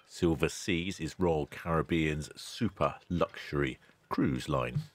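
A man, hosting a ship-spotting channel in a relaxed, chatty voice-over with dry asides. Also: a bass voice, slow pace. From England. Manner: chatty, dry asides, loud cheery greetings.

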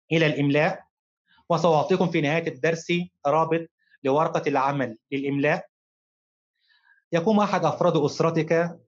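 A man teaching a recorded primary-school lesson, addressing his pupils fondly and slowing down to read examples word by word. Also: a little high. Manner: slow, careful dictation-style reading of examples. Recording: dull, lo-fi recording.

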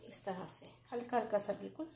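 A woman hosting a home cooking channel, calmly explaining each recipe step to viewers in a voice-over. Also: mid-range voice, brisk, vocal fry, echoey room, background noise. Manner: calm step-by-step explaining, addresses viewers directly. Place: home kitchen.

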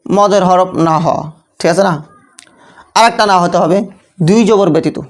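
High-voiced man teaching Quran recitation. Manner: repeats questions to students and answers them himself; checks in constantly with rhetorical tag questions. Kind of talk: classroom lesson on tajweed rules.

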